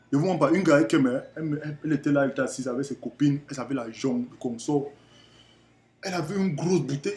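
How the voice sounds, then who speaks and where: A young man from Cameroon with a Cameroonian French accent, telling a rambling, animated story to camera in a casual vlog. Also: a little high. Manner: rambling, animated, repeats himself often. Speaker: vlogger.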